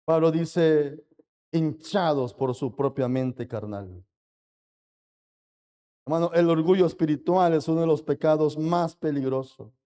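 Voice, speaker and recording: Man, pastor, fervent sermon, unhurried delivery, mellow tone. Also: a little high. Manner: fervent preaching, mimics boastful believers, calls out hermano.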